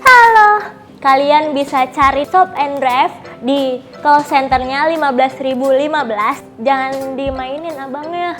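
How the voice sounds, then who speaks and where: A woman's voice: high voice, unhurried, a bit bright, soft background music. A young woman with a Jakarta Indonesian accent, chatting casually in a playful, teasing vlog style. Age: young adult. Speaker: vlogger making prank calls.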